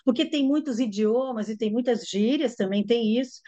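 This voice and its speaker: A woman's voice: on the high side, normal speed, mellow, muffled recording. A Brazilian woman with a carioca accent, an English teacher answering interview questions in an explanatory way, with frequent fillers. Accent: carioca Brazilian Portuguese.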